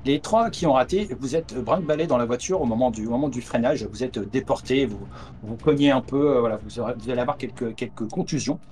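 A man's voice: medium pitch, darkish tone. A man narrating a tabletop horror game as game master over a video call, with many hesitant fillers. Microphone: headset on a video call.

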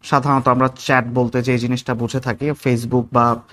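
A man from Bangladesh with a Bangladeshi accent teaches English pronunciation in a video lesson, explaining slowly with fillers and repeating each example word. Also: medium pitch, little pitch movement, a bit bright.

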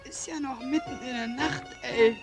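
A brash young cartoon punk boy, fairly high in pitch. Loud music plays along with the voice. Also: moderate pace. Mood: sleepy. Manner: slangy, brash. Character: cheeky little punk boy from Berlin. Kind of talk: animated film dialogue.

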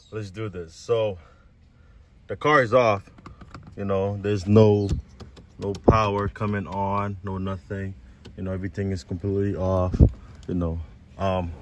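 A man's voice: deep voice, a little hiss or hum. A man vlogging about his car in a hyped, slangy way, often calling out "baby". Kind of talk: casual DIY vlog.

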